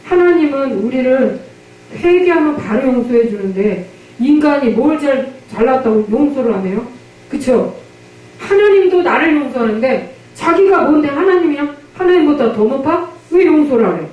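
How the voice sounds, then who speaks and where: A woman's voice: high-pitched, expressive, normal speed, lo-fi sound. A woman pastor preaching a sermon and telling a testimony, with emphatic questions and frequent amens. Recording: very echoey, from a distance.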